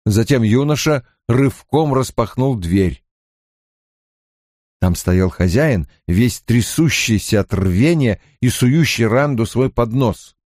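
A man reading an audiobook in measured, scripted narration. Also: mid-range voice, expressive, darkish tone, no room sound, clean studio sound.

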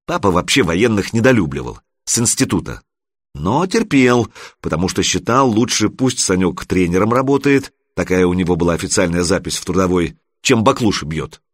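A man reading an audiobook in a measured storytelling manner. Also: deep voice, big pitch swings, dry recording. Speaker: audiobook reader. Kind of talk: audiobook narration.

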